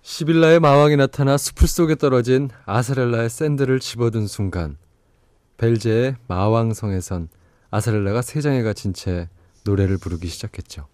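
A man's voice: mid-range voice, moderate pace, a little mellow, no echo. A man giving scripted storytelling narration for an audio drama.

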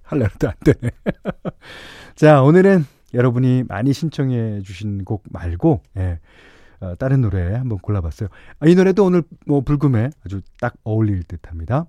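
A man's voice: mid-range voice, big pitch swings, moderate pace, dark tone, no echo. A middle-aged man hosting a radio music show, reading listener messages in a chatty, playful way.

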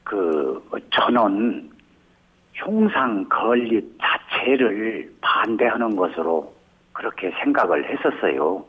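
Phone interviewee: male, slow and raspy, thin telephone sound. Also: on the low side, animated. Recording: muffled narrow phone line.

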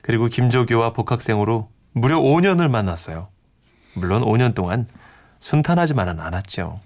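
A man narrating a story in a gentle storytelling manner. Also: mid-range voice, animated, brisk. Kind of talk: scripted narration. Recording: soft guitar music behind.

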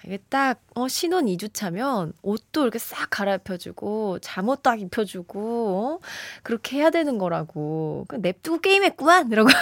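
A woman's voice: medium pitch, dry recording. Chatty, giggly woman radio DJ. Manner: chatty, giggly, reads listener messages. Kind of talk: casual radio hosting. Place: radio studio. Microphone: studio microphone.

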